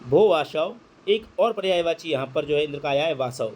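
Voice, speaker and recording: A man's voice: on the high side, expressive, a little hiss or hum. Man teaching Sanskrit line by line. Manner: reads Sanskrit slowly, then explains in Hindi. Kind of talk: line-by-line translation lesson.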